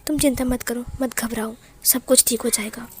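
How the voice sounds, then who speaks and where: A woman voicing a gentle young man who comforts someone with soft, repeated reassurances. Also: very high-pitched, fairly even intonation, moderate pace. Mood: soothing. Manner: soothing, repetitive reassurance.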